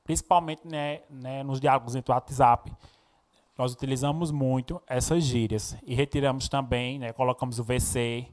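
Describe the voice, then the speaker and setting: A man with a Brazilian accent from the Northeast, speaking at a middling pitch as he teaches a recorded Portuguese lesson. He explains patiently and often checks in with his students. He reads poems aloud with expressive intonation. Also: normal speed. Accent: Brazilian Portuguese, Pernambuco. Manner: explanatory, frequent tag questions, expressive when reading poems. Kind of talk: recorded classroom lesson with poem readings.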